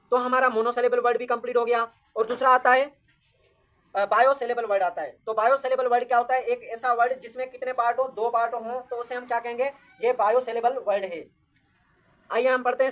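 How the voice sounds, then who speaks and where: A woman teaches grammar in a fairly high voice. She works through each point by asking a question and then answering it herself. English definitions come out slowly and with care. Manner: slow, deliberate reading of English definitions. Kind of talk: classroom-style grammar lesson.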